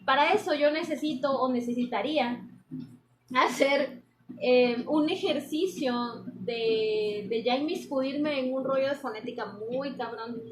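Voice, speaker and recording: A woman's voice: high voice, measured pace. A young woman, chatting casually in an interview and explaining with examples and many fillers. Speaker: interviewee, anthropology student. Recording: echoey room with background noise.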